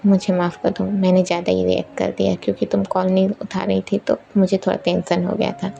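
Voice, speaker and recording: A woman voicing a young woman who is upset that her girlfriend ignored her calls, firing off sharp, quick reproachful questions. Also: medium pitch, monotone, vocal fry, lo-fi sound. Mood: apologetic.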